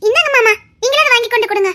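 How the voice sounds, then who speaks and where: A cheeky, defiant young wife with a strikingly high voice, played by a woman. She talks quick and teasing, emotional under the banter, in an audio-drama style. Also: sharp tone, slight background noise. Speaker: voice actor in an audio serial. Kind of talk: Tamil audio drama acting.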